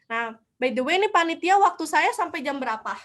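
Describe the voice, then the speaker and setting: A woman's voice: extremely high pitch, lively intonation, brisk, a bit bright. A young woman giving a casual online lecture, chatty, asking herself questions and answering them. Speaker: speaker at a student seminar.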